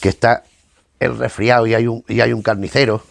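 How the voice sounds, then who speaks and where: A man's voice: medium pitch, fairly even intonation, a little fast, creaky, dry recording, studio quality. A man reviewing comic books in a casual, hesitant way, often repeating words as he searches for the next thought. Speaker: comic book reviewer, channel host. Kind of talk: casual spoken review while leafing through comics.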